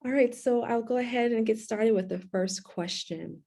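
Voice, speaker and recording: A woman host reads guest introductions in a measured, formal way and then moderates the panel. Her voice is mellow and relaxed. She speaks over a video call. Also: fairly high pitch. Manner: clear, measured, formal reading. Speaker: co-curator and host.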